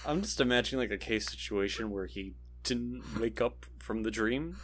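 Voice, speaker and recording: A man co-hosting a podcast, joking in a relaxed way over a voice call. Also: medium pitch, moderate pace. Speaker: podcast co-host. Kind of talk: casual chat on a call.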